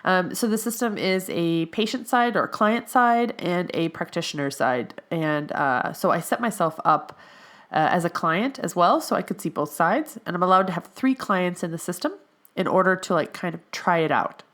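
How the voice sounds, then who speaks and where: A young adult woman, a health coach in training, hosts her own casual solo podcast in a lowish, expressive voice at normal speed with a fairly bright tone. Allergies make her sound a bit nasal, and she chats along with frequent fillers.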